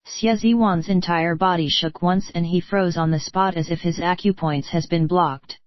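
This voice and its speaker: A woman's text-to-speech voice narrating a translated novel in a flat, even manner, with odd slips in the reading. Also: on the low side, moderate pace, no echo, highs cut off.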